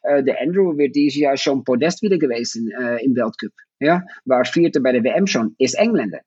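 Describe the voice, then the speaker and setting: Quick and animated, this Dutch guest in his fifties, a parent of athletes, talks casually in his native Dutch-accented speech, stumbling through fillers and restarts. His medium-pitched voice is darkish and slightly rough, recorded dry with the highs cut off.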